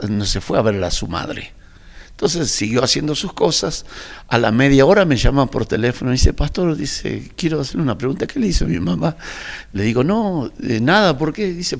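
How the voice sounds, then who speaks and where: A man's voice: mid-range voice, vocal fry. A man with an Argentine accent, a pastor, telling personal stories in an interview and acting out the dialogue. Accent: Argentine Spanish. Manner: animated storyteller, acts out dialogue. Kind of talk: interview storytelling.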